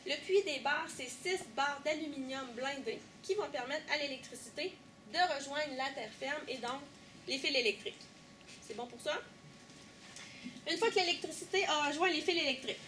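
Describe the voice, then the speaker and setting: Bright high-voiced Québécois woman guide. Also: normal speed, slight background noise. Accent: Québécois French. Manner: lively, asks the group questions and teases. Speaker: tour guide. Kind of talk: guided tour explanation. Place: underground power station.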